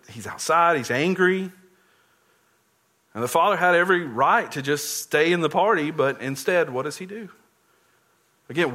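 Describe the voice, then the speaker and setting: A man's voice: on the high side, fairly bright tone. A man preaching a sermon, earnestly explaining scripture and often repeating words as he goes.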